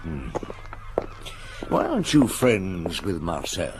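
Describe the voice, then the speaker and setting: Police chief inspector, middle-aged, low-pitched, animated melody, patient, coaxing, radio play. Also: male voice, vocal fry, background noise, full character voice. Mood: gently probing. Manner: questioning, deliberate, gently coaxing. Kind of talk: naturalistic radio drama acting.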